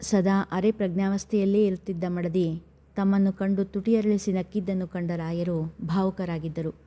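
A woman narrating an audio story in a measured, dramatic reading. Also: mid-range voice, fairly even intonation, dark tone.

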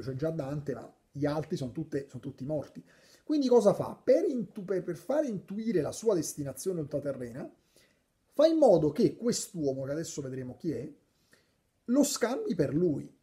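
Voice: medium pitch, mellow. A speaker casually explaining a poem, thinking aloud with frequent restarts and now and then reciting verses. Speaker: literature explainer.

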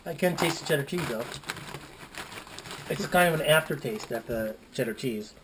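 A man talks casually as co-host of an unscripted food tasting. His pitch is in the middle range. The recording has noise and small clicks behind him. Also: expressive, moderate pace. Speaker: snack review co-host. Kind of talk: casual unscripted taste-test chat. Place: indoors at a tabletop light box. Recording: noisy, with clicks in the background.

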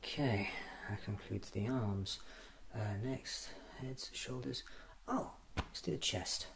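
A man in his thirties playing a quirky time-travelling doctor in a soft-spoken ASMR roleplay, muttering haltingly to himself. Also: mid-range voice, creaky, a little hiss or hum. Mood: muttering, absent-minded. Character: newly regenerated time-travelling alien doctor, musing, quirky, self-examining.

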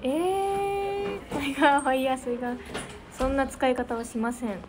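Her high-pitched voice shows little pitch movement, and she speaks fairly quickly. This young idol livestreamer, who has a Niigata Japanese accent, giggles as she chats casually with fans and thanks viewers by name. There is noise in the background.

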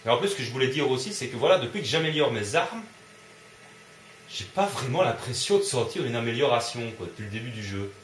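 A man's voice: medium pitch, animated, quick pace, reverberant, slight background noise. Grumbling man swearing through a game. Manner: swears often, grumbling and easily annoyed. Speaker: gamer doing a let's play. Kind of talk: casual gameplay commentary.

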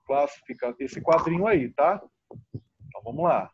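A man's voice: on the high side, lively intonation. Patient male teacher on a muffled call. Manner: patient, drawn-out syllables, checks in often. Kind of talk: online class teaching. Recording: muffled lo-fi audio, faint noise.

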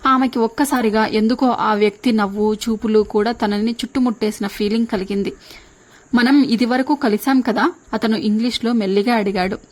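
A woman reading a novel aloud as an audiobook narrator, in steady storytelling. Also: medium pitch, fairly quick, few pauses.

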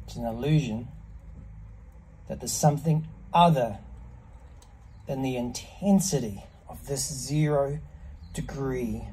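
A man in his fifties giving a reflective monologue to camera, speaking contemplatively in short, measured phrases with pauses between them. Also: mid-range voice, warm tone, slight background noise, rough recording. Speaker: ice bath practitioner. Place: small block-walled semi-outdoor space, in an ice bath.

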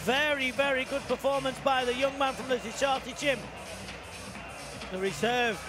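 A man commentating live on kickboxing, his voice pitched very high. He fires short, excited, repeated phrases over a clear arena crowd and music. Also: moderate pace. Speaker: fight commentator.

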